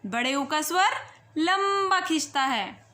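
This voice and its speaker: A woman teaching young children a Hindi phonics lesson, saying each sound slowly and clearly and urging them to repeat after her. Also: high voice, expressive, sharp tone. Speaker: primary school Hindi teacher.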